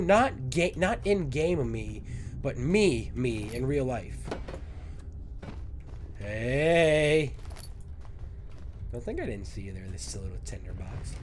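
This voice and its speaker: Nasal and congested from a cold, a young man records let's play commentary on a headset mic in a small room at home, chatting and joking to himself, teasing himself, and addressing objects. He hosts gaming videos, and his slightly high voice has a darkish tone with a little hiss or hum.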